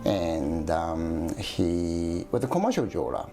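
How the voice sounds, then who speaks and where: A man in his fifties from Japan, with a Japanese accent, speaking haltingly with many pauses as an interview guest. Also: sits low, expressive, mellow, soft background music. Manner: hesitant, halting, many ums and restarts. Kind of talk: casual interview.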